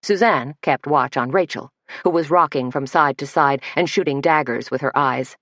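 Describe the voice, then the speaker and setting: A woman reads a mystery novel aloud, her voice low and steady. The recording is close and dry, with no room sound. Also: no room sound. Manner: steady, measured reading. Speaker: audiobook narrator. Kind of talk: scripted narration.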